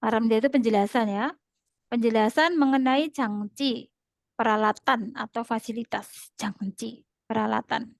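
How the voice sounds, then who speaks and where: A woman's voice: on the high side, fairly even intonation, moderate pace, vocal fry, dry recording, studio quality. A woman tutor explaining a reading exam patiently, repeating terms and laughing often. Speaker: Korean language tutor. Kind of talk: online class explanation.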